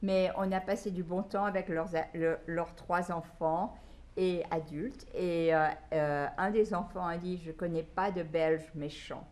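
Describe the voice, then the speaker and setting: An older woman with a Belgian French accent tells her stories in a lively, chatty way. Her voice sits a little low for a woman. She talks easily, often stops and restarts, and keeps going. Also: a little slow. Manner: chatty storyteller, animated, with frequent restarts. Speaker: guest. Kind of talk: casual conversational interview.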